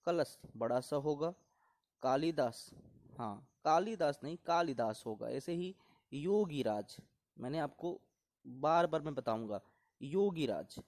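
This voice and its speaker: A man's voice: on the high side, animated, a little mellow. A male teacher going through correct Hindi spellings word by word for exam students, repeating each word and telling them to take care. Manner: repeats words slowly and reminds students to pay attention. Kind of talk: exam-prep spelling lesson.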